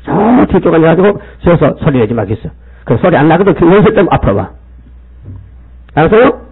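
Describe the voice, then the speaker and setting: A man's voice: a little high, very animated, quick pace, slightly rough. A male pastor, preaching and scolding the congregation with rhetorical questions. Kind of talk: sermon. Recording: tinny phone-like sound.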